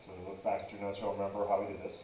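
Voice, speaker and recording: A low-pitched man teaches a math lesson step by step, dictating each piece as he works through a problem. His delivery is completely flat and rapid-fire yet warm in tone. The recording sounds dull, roomy and distant, with slight background noise.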